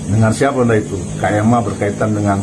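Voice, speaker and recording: A man's voice: fairly low pitch, fairly even intonation, quick pace, background noise. Mocking man doing casual commentary. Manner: mocking, taunting, asks pointed questions. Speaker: online commentator.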